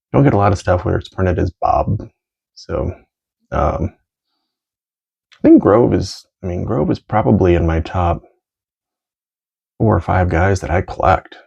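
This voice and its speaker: This unscripted show-and-tell features a middle-aged American man rambling about his vintage sports card collectibles as he thinks aloud. His low, husky, slightly mellow voice carries vocal fry, captured in a lo-fi home recording.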